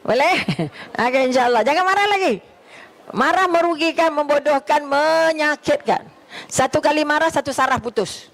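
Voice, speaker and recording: A man with a Malaysian Malay accent giving a lively religious talk on parenting, asking rhetorical questions and laughing often. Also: extremely high pitch, moderate pace, gravelly.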